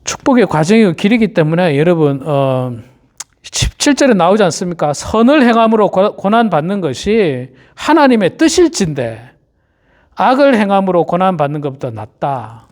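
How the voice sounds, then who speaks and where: Lively man preaching a dawn sermon. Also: high voice, normal speed. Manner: repeats key phrases and often addresses the congregation directly; acts out quoted churchgoers in little voices. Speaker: pastor. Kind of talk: early-morning prayer sermon.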